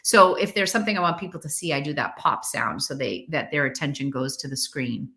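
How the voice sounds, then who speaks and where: Middle-aged woman host, low-ish bright voice, monotone casual live-stream chat. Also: a little fast. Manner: self-described monotone delivery, chatty with many "like" and "um" fillers. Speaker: reseller and YouTuber hosting a live stream.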